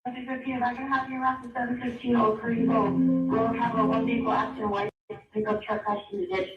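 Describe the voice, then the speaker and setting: A woman's voice: a little high, flat delivery, fast, echoey room, recorded from a distance, loud music behind the voice. Woman dispatcher over a muffled police radio. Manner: terse, clipped dispatch calls. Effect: police radio transmission played back in court.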